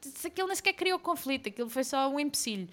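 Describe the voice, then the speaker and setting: Bright, fast-talking woman storyteller. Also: high-pitched. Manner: animated storyteller, mocking recap. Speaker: podcast co-host. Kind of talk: casual book chat.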